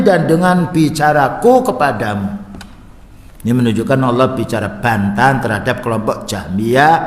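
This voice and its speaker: A male religious teacher lectures in a mosque, with a long reverb ringing through the large hall. His pitch sits in a middle range, and he slows right down to draw out the Arabic verses before explaining them at normal speed. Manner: explains in Indonesian, recites Arabic verses slowly and drawn out.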